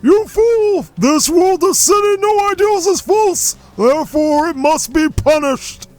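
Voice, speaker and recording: A man's voice: very high-pitched, animated, measured pace, darkish tone, soft background music, pitched above the performer's own voice. A man voicing a grandiose, scornful old male cult leader in a put-on generic old man voice. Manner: preachy, scolding.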